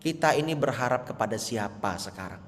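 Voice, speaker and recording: A male pastor preaching a sermon, swinging from soft, low asides to loud, high exhortations. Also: lively intonation, brisk, big-room sound, a little hiss or hum. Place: church hall, over an online meeting.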